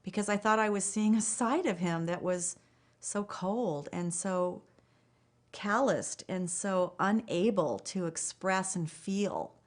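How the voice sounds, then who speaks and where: A woman's voice: medium pitch, slow pace. A bereaved mother speaking candidly about her marriage in a documentary interview. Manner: raw, candid.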